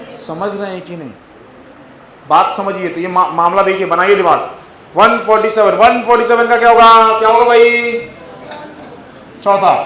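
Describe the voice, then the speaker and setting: A man's voice: extremely high pitch, a bit bright. A man teaching biology to a class, walking students through test answers and coaxing them to follow along. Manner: coaxing, repeatedly asks the class if they follow. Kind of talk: classroom test-solution lecture. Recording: echoey classroom.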